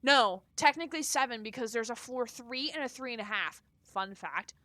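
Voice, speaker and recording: A woman's voice: on the high side, moderate pace, sharp tone, no echo. A woman streamer chatting casually and rambling while playing and reading a game. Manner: chatty, rambling, laughs often. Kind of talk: casual live-stream chat.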